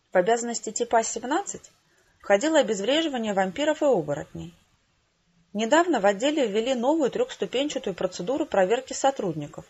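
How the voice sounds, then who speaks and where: A woman reading an amateur audiobook, telling a first-person story in an even, wry way. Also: on the high side, slightly rough. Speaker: audiobook reader. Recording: slightly dull home recording.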